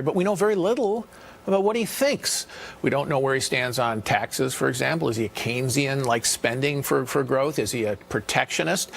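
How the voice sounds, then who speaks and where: A man's voice: medium pitch, gravelly, a bit bright, slight background noise. A man hosting a news panel discussion. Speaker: host of a news panel show. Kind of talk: political and economic panel discussion.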